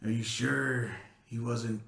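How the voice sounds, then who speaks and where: A man voicing a blustering male sky-ship captain who makes slow, stern official challenges, recorded in a roomy space. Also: mid-range voice, little pitch movement, vocal fry, fairly bright tone.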